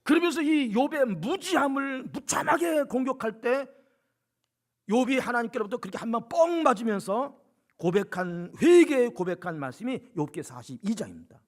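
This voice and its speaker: A male pastor delivers a sermon in a strikingly high voice. He exhorts with urgency and leans on rhetorical questions and repeated phrases. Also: big pitch swings, moderate pace.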